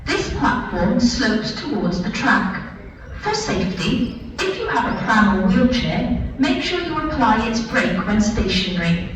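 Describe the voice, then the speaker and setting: Woman, platform PA safety warning, higher voice, clear instructions, echoey distant loudspeaker, loud trains behind. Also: very animated, unhurried. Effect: station public address loudspeaker. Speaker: recorded platform safety announcer. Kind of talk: formal safety announcement. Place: railway station platform, outdoors. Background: trains and loud platform noise.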